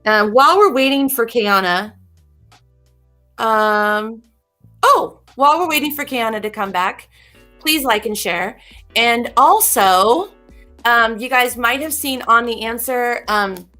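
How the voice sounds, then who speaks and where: A woman's voice: fairly high pitch, fairly bright tone. A woman hosting a casual livestream as a spiritual reader, chatty and rambling, laughing often.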